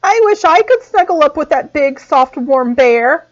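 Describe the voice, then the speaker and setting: A woman voicing a small female mouse with a cold, squeaky and whiny. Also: expressive, measured pace. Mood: pleading. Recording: dull lo-fi sound.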